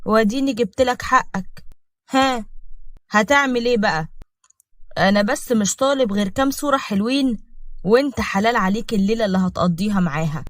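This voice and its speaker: A woman's voice: fairly high pitch, fairly quick, dry recording, natural voice. A woman voicing a vengeful scheming man who gloats over his plan, in Egyptian Arabic. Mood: gloating.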